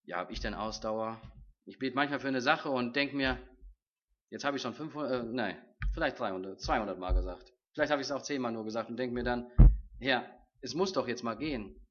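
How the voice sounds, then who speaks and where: A man's voice: medium pitch, fairly quick, a bit bright. A male preacher with a mid-range voice delivers a sermon earnestly and personally. He often voices his own prayers as examples. The recording is dull and lo-fi.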